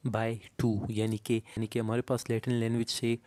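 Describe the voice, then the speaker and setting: A man teaching English grammar, explaining slowly and reading each example sentence aloud word by word. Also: mid-range voice, monotone, darkish tone, no room sound. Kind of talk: explaining a lesson to students.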